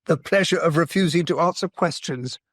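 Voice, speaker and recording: An actor playing an earnest, loyal English captain, a detective's companion, talking and narrating in a radio drama. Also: male voice, a little high, brisk, breathy edge, no room sound. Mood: dry, curious.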